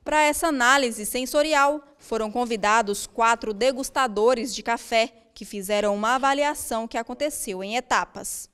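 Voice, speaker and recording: Clear-voiced female news narrator. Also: on the high side, fairly bright tone. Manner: clear, measured reporting. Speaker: news reporter.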